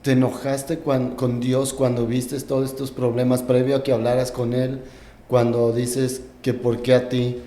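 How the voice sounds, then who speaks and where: A man hosting a podcast, asking a guest calm, measured questions. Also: mid-range voice, roomy sound. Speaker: podcast host. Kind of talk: interview questions.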